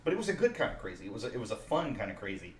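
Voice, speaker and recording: A man co-hosting a soccer fan podcast, talking in an animated, rambling way. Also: lowish voice, very fast. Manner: talkative, animated recounting. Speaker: podcast co-host. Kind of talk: casual chat. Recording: roomy, distant mic with faint noise.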